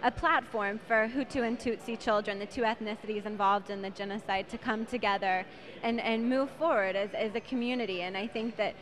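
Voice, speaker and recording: A young American woman in her twenties, executive director of a charity, answers talk show interview questions fluently and passionately about her work. Her mid-range voice is a bit bright, with fairly even intonation and a slightly fast pace.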